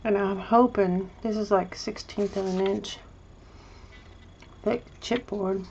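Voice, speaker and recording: Talking through a paper craft project with her mouth full of candy, a crafting vlogger wanders from thought to thought, hesitant and chatty, often starting over. Her mid-range voice is gravelly, fairly flat and slow, and the slightly dull recording carries a faint hiss.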